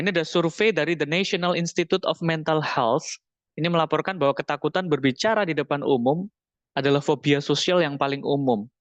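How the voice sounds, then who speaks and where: A public speaking coach giving an online webinar lecture, explaining with examples, reading out audience comments and mixing in English terms. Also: male voice, on the high side, no room sound, muffled recording. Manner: sprinkles English terms into his talk.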